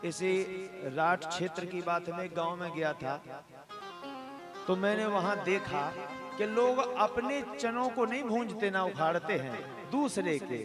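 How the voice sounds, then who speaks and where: Man, story sermon, high voice, slow unhurried delivery, loud music behind. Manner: folksy storytelling, acting out family members' voices. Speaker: Ram Katha preacher.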